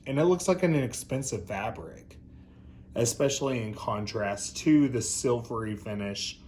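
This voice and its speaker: A man with a fairly low voice gives an effusive, campy drag-queen style review. He speaks at a very unhurried pace, gushing over details as he goes. There is faint noise behind his voice. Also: darkish tone. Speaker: doll review host. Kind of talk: unscripted product review commentary.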